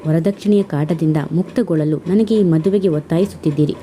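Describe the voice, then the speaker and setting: A woman's voice: on the low side, a little fast, dark tone, a little hiss or hum, close to an everyday voice. A woman narrator voicing a young female student who speaks with bitter defiance.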